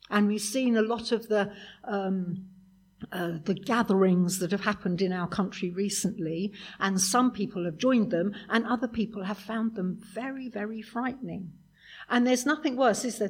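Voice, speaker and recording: A woman preaching a sermon in a conversational way, full of rhetorical questions. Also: medium pitch.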